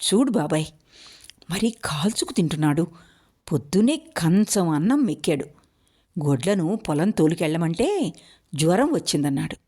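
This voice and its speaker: A woman reading a story aloud, voicing a sharp-tongued stepmother who complains and snaps. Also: fairly low pitch, very animated, moderate pace, pauses often. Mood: scolding. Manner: complaining, snapping.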